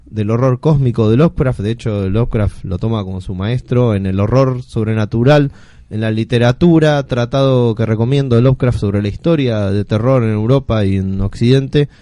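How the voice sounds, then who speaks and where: Man, Rioplatense Argentine accent, radio columnist, relaxed rambling talk, mid pitch, dry studio sound. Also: moderate pace, no room sound. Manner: relaxed, rambling with fillers and restarts. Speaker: literature columnist. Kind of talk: casual radio commentary.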